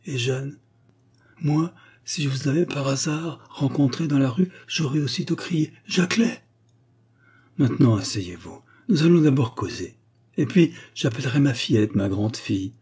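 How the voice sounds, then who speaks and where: A man's voice: mid-range voice, mellow, husky. A man reading as a sorrowful old woman. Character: older woman, tender, sorrowful, gently smiling.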